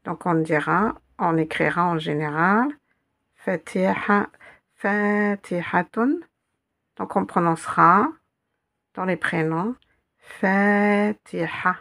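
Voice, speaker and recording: A woman's voice: lowish voice, a little slow, creaky, a bit bright. A woman teaching a reading lesson, patiently spelling out letters and repeating each word several times. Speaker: Arabic teacher.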